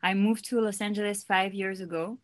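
This young Frenchwoman, a singer-songwriter appearing as an interview guest, talks in a medium-pitched voice at a slightly fast clip. Her manner is relaxed and loose, and her casual speech is packed with "like" and "you know."

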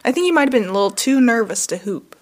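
Lively, teasing young woman. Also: on the high side, quick pace. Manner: teasing, playful. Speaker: podcast co-host. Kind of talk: casual chat.

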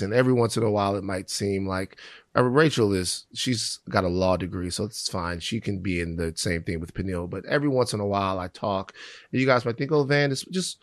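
A man's voice: lowish voice, no room sound, studio quality. A male podcast host who talks in a joking, self-mocking way. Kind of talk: podcast conversation.

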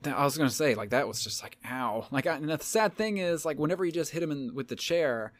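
A man's voice: on the high side, fast. A man co-hosting a podcast, recapping a wrestling match in casual chat, rambling and acting out quotes. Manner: rambling, animated, acts out quotes. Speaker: podcast co-host.

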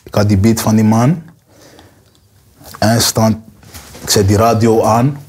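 A young male rapper is an interview guest, speaking in a low, unhurried, husky voice and casual street slang. He's animated, acting out quotes with a raised voice.

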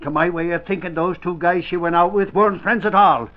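A man acting an indignant, stubborn tough guy from an old radio play. He pitches high, blusters and talks in folksy slang. The recording is dull and vintage. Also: steady tone, a little fast, natural voice. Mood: worked up. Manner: blustery, colloquial.

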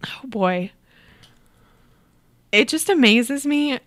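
Upbeat young woman, fairly high voice. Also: expressive, a bit bright. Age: young adult. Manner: upbeat, laughs often, quick bursts. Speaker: podcast guest, agriculture storyteller. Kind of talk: casual interview chat.

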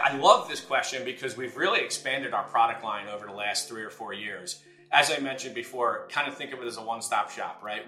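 Deep-voiced confident man, roomy sound. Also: sharp tone. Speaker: sponsor guest, bank executive. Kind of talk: promotional interview answer. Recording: roomy with faint music.

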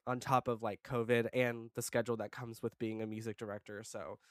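Here a sick, congested young man rambles casually as a podcast co-host, leaning heavily on "like" and "um." His mid-range delivery is brisk with little pitch movement, and the audio has no room sound.

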